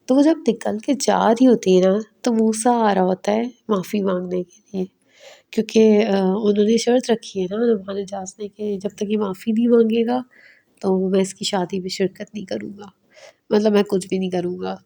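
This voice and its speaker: A woman with a Pakistani Urdu accent talks through a drama episode in a relaxed, conversational recap. Her tone is mellow and warm, at a middle pitch. Now and then she slips into the characters' lines as she retells the scenes. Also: creaky. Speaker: drama reviewer.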